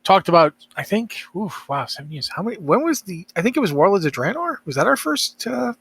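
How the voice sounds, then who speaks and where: A man's voice: high voice, sing-song, fairly quick, gravelly, a bit bright, husky. A man hosting a casual podcast, rambling and interrupting himself with a wry streak. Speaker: podcast host.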